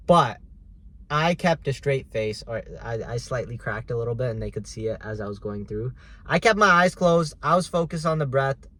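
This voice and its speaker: Animated man telling a story. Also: medium pitch. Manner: animated, swings between loud bursts and quiet asides. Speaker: vlogger. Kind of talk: casual storytelling monologue.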